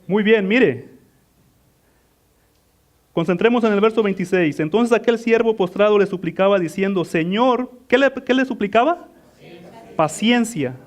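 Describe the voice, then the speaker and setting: A man's voice: sits high, measured pace, long pauses. A man preaching a sermon as pastor, asking his congregation questions and answering them himself, often addressing them as beloved. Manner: calls listeners "mis amados".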